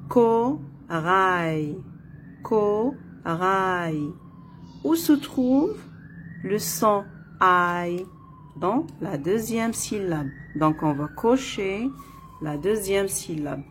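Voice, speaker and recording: A woman with an Arabic accent teaching French phonics, repeating each word slowly and counting the syllables. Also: medium pitch, lively intonation. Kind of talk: slow, deliberate phonics lesson. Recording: faint background noise.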